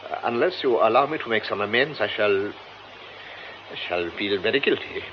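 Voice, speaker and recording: Radio drama: a man playing a stiffly polite, insistent gentleman, halting, lively lilt, dull lo-fi sound. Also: fairly low pitch, close to an everyday voice. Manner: formal, halting, hesitant speech. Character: formal, insistent gentleman, courteous and guilt-ridden. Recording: dull lo-fi radio recording, faint hiss.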